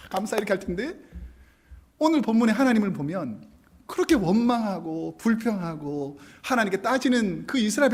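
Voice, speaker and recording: A man preaching a sermon, telling stories with animation and acting out what people said. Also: high voice. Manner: animated storytelling, acting out quoted lines. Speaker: pastor.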